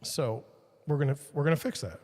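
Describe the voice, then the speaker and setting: A little high, a little fast, and a little mellow, the voice of a podcast host comes through an expressive delivery with a long reverb tail. He chats rambling and self-mocking to his livestream audience while changing his mic mount, and his studio mic's levels vary.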